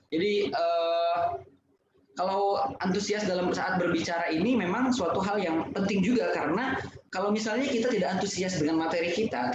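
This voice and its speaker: A man giving an online lesson on public speaking, explaining point by point with many fillers. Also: high-pitched. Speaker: webinar speaker. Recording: echoey, distant, dull and noisy.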